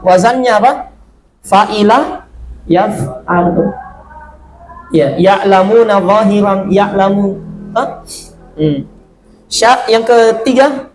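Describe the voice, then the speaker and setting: A man teaches an Arabic grammar class. He talks slowly, drawing out each Arabic word, and asks questions he then answers himself. A faint hiss sits under the recording. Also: high-pitched, rough recording. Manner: drills verb patterns, asks and answers his own questions; slow, drawn-out reading of Arabic words. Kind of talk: classroom lesson.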